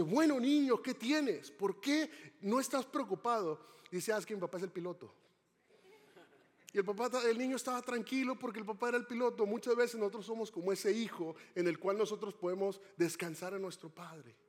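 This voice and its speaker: High-voiced pastor in a reverberant hall. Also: male voice. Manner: asks the congregation questions. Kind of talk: sermon.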